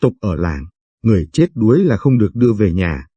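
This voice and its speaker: Dark, husky male storyteller. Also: on the low side, very animated, brisk, no echo, dull audio. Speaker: narrator. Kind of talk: storybook narration.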